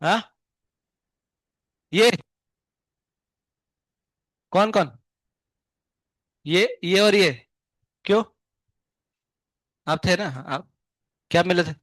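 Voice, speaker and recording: A male physics teacher giving a live class lecture, firing quick questions at his students and explaining step by step. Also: sits high, fairly bright tone, no room sound. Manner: chatty, scolding then explaining, asks students many quick questions; hums tunes to show wave shapes.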